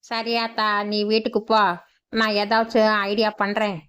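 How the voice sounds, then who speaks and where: A woman voicing a clever, boastful young village man in a cartoon, speaking low and slow. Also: completely flat delivery, fairly bright tone, smooth, natural voice. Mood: grumbling. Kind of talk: cartoon voice acting. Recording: dull lo-fi sound.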